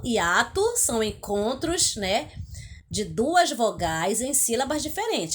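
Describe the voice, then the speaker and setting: A Brazilian woman teaching a recorded spelling lesson for children, in an affectionate sing-song classroom manner that stretches example words slowly and calls them out. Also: fairly high pitch, fairly bright tone, slight background noise. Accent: Brazilian Portuguese.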